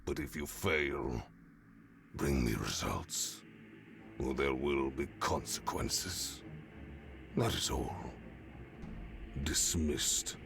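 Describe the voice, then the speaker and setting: An actor playing a stern, menacing ruler in a video game, with a low gravelly growl and a commanding, formal manner. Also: male voice, very slow, pauses often, a bit bright, slight background noise, heavily acted. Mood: threatening. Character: stern, menacing male sovereign giving orders. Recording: game music behind the voice.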